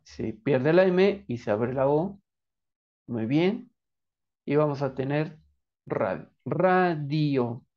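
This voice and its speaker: A man's voice: on the high side, warm tone. Encouraging Mexican male teacher, dull recording. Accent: Mexican Spanish. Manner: encouraging, answers his own prompts, praises the viewer. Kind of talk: quiz-style lesson narration.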